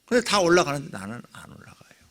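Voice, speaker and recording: A middle-aged male pastor telling a personal testimony in a dawn prayer sermon, dramatic, with sudden swings between loud cries and near whispers. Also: a little high, big pitch swings, fast.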